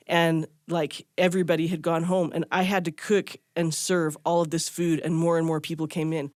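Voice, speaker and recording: A woman with a fairly low voice tells a personal story like an interviewee, casual, candid and self-deprecating, in a conversational anecdote. The sound is clean studio audio with no room sound.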